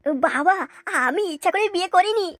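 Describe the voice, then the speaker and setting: A performer voicing a whiny, squabbling boy in a cartoon, with a sped-up, high-pitched voice. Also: lively intonation, moderate pace, fairly bright tone, dry recording.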